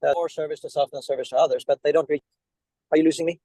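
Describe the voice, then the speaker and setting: A man speaks on a breaking-up call from his car, and his words drop out mid-sentence. His voice sits a little high and sounds mellow and dry, with no room around it. He explains his point steadily and checks that he is being heard. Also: steady tone, racing, no echo, poor audio. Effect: choppy call audio, words cutting out. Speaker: study group member. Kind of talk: casual group discussion on a call. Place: in a car while driving.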